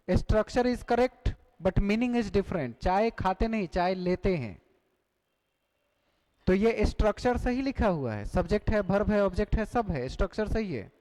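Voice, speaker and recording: Guy teaching an exam prep class, high-ish voice, keeps asking the students stuff and repeating it. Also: a little mellow, low-quality recording. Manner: questioning the class, repeating key points.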